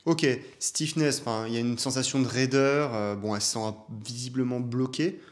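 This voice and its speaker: A man's voice: mid-range voice, little pitch movement, a little fast. A young adult man, a chiropractor, giving casual reaction commentary on a video, chatty and hesitant with fillers.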